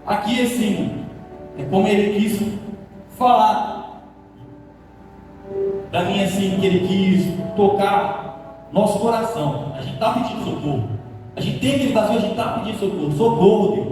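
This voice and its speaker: A young man giving a nervous, earnest youth testimony in church, pleading and halting with restarts. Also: sits high, darkish tone, faint music behind. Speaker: youth speaker. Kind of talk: nervous personal testimony sermon. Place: church hall. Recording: echoey hall, mic from far off.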